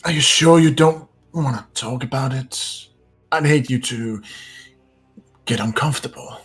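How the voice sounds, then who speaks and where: A man's voice: medium pitch, unhurried, a bit bright, slightly rough, soft background music. A man voicing a sly, grinning male bandit captor who mocks and threatens his prisoner. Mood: menacing. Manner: mocking, menacing taunts.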